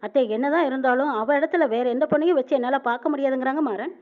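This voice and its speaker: High-voiced woman rattling off a serial recap, tinny phone-line sound. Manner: rapid, with a reporting tag after each quoted line. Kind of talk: fast retelling of a TV serial episode, quoting every character. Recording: narrow phone-like band.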